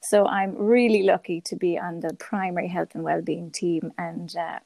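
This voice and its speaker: A woman's voice: on the low side, fairly even intonation, moderate pace, vocal fry, darkish tone, no room sound. West of Ireland woman, dry close sound. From Galway, west of Ireland. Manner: enthusiastic, chatty. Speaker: podcast guest, primary school teacher. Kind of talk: conversational interview answers.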